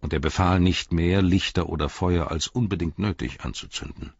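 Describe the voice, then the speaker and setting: A man voicing a loyal chieftain who reports to his lord in an earnest, respectful way with a husky voice. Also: deep voice, normal speed, no echo, muffled recording.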